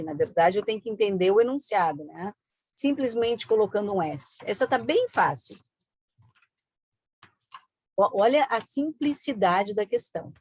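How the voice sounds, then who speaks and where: A woman teaching an online exam-prep lesson, brisk and coaxing, with frequent tag questions. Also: mid-range voice, darkish tone, breathy edge, dry recording. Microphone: video call.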